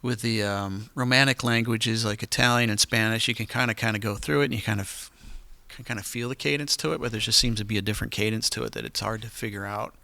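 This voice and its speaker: A man's voice: fairly low pitch, fairly even intonation, fast talker, vocal fry, hardly any pauses, bright, forceful tone, no echo. A man hosting a podcast, chatty and prompting his guest with questions and rambling asides. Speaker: podcast host. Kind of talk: casual interview chat.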